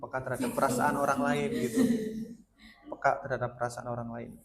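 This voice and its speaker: In a school classroom, a male school counselor leads a casual group guidance lesson, frequently asking his students questions while they chat and answer in the background. His mid-range voice stays fairly flat in pitch and moves a little fast, with some background noise.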